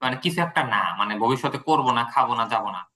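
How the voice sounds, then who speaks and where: A man's voice: mid-range voice, racing, bright, forceful tone. A man from Bangladesh tutoring English pronunciation, explaining patiently with many fillers.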